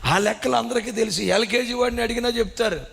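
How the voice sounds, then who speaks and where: A man preaching a sermon as pastor, swinging his pitch widely and calling for amens. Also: fast talker, creaky, breathy edge. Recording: reverberant hall.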